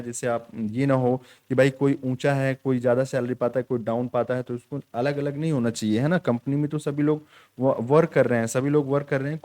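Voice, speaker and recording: A man teaching an exam-prep lesson to students, explaining in Hindi and reading English quiz lines slowly, with frequent repeated check-ins. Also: medium pitch, darkish tone. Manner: repeats "ठीक है" often.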